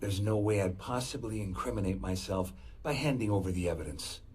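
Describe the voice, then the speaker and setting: Low-voiced defiant crook played by a man. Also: fairly quick, a little mellow, slight background noise, lightly acted. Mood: defiant, bitter. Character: defiant, self-serving crooked insider cutting a deal.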